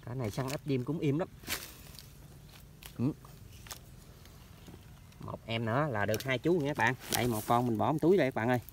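A man's voice: medium pitch, normal speed, pauses often, background noise. A man with a Mekong Delta Vietnamese accent, chatting casually to viewers in an outdoor vlog while walking through rural orchards and canal banks. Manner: chatty, keeps addressing viewers as friends. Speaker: hunting vlogger.

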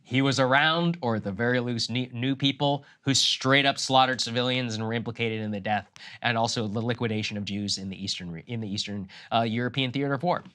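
Male political co-host, bright tone, blunt and emphatic, heated commentary. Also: fairly quick, hardly any pauses. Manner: blunt, emphatic, swells in pitch when indignant. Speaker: political talk show co-host.

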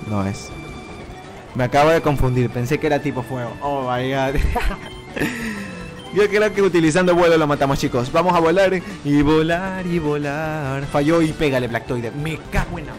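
An excitable man commentates a video game run, cheering on his moves and chatting to his viewers. His voice sits a little high for a man. Faint game music plays behind him. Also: normal speed. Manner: animated, repeats shouts and urges the game on; talks to viewers as "chicos". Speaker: gaming YouTuber. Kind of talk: excited Let's Play commentary.

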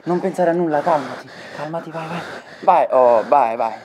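A man's voice: high voice, expressive, moderate pace, background noise. A young man with a Neapolitan accent playing a concerned companion who soothes and urges in short repeated phrases in a dramatic scene. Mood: soothing, concerned. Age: young adult.

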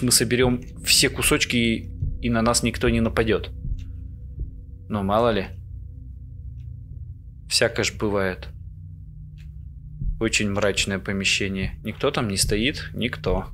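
Male let's player, lowish voice, nervous and muttering, casual horror commentary over noisy game ambience. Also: fairly even intonation, slow, long pauses, fairly bright tone. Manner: nervous, jittery, muttering to himself. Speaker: gamer, let's play host.

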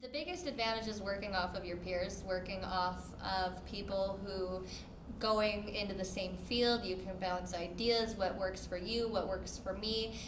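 A young woman, a paraeducator studying to teach, giving upbeat interview answers in a classroom. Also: medium pitch. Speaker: paraeducator and student. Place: classroom, indoors. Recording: echoey classroom with audible noise.

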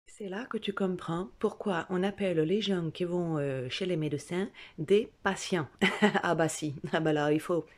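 Woman comic, lyon accent, slightly low voice, slangy direct-address monologue with whispered asides. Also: a little slow. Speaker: comedian. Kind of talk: stand-up comedy monologue.

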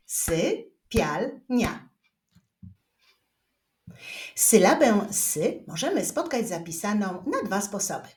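A woman teaching young children to read, speaking slowly and clearly and drawing out each syllable. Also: medium pitch, darkish tone. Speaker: reading teacher. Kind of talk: slow children's reading lesson. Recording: roomy echo.

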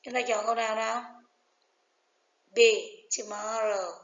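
Woman teacher, Vietnamese accent, slow and careful, bit higher voice, recorded in an echoey room. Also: flat delivery, a bit bright. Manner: reads answer choices aloud, switching between English and Vietnamese. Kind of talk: recorded English review lesson. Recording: echoey, dull lo-fi room sound.

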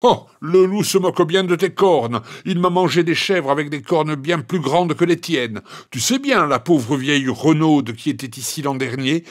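A man's voice: a little high, lively intonation, normal speed, hardly any pauses, voice pushed up. A man playing a kind, worried old farmer in a children's story, coaxing and exclaiming in alarm. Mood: pleading. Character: kindly worried old farmer, fond of his goats. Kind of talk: storybook character voice.

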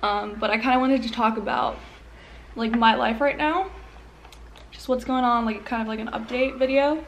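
A woman's voice: a little high, steady tone, moderate pace, lo-fi sound, a little hiss or hum. Chatty young woman eating on camera. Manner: chatty, filler-heavy, candid. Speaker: YouTuber. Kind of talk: casual mukbang vlog. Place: at home, indoors.

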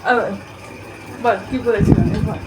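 Brief: woman vlogger, high voice, chatty and friendly with viewers, noisy home recording. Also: steady tone, unhurried. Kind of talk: casual home vlog chat.

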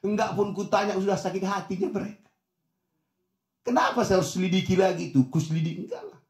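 A middle-aged man preaches a sermon with a slightly raised voice, playing the parts in his stories himself. He drops to quiet asides, then climbs to shouted lines. His voice rings through an echoey hall. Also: high voice, fairly quick. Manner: animated, acts out voices of others in dialogue, swings from soft to shouting. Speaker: pastor.

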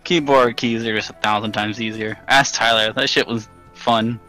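A man's voice: on the low side, steady tone, moderate pace, sharp tone, faint music behind. A young man in casual gaming chat, crude and giggly, cracking up easily. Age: young adult. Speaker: gaming friend.

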